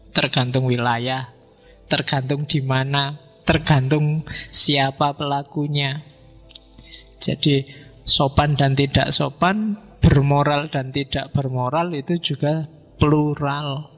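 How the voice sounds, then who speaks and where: A man giving a relaxed, joking philosophy lecture and asking the audience questions. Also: on the high side. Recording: reverberant hall with faint music.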